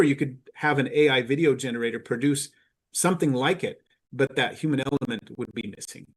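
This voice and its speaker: A man giving a conference presentation to teachers, explaining in a measured way with frequent filler pauses. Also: medium pitch.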